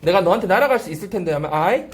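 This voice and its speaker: An English teacher at a language academy gives a classroom grammar lecture, drilling pronunciation by repeating phrases and constantly asking rhetorical check-questions. The voice is medium-pitched and racing, with lively intonation.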